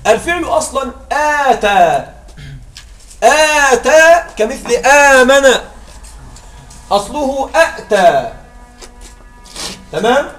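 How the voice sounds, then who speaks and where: High-voiced man teaching in an echoey room. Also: very animated, slow pace, long pauses, fairly bright tone. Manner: drills examples, constantly checks understanding with questions. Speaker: Arabic morphology teacher. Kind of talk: classroom grammar lecture. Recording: echoey room, far from mic, faint music.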